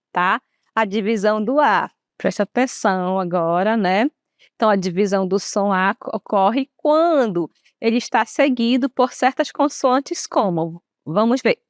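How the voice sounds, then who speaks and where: Brazilian lady teacher, higher voice, stretches words out slow so kids can copy. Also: expressive, no echo, clean studio sound. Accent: Brazilian Portuguese. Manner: slow, drawn-out modelling of words for students to repeat. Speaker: English teacher. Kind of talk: classroom lesson for students.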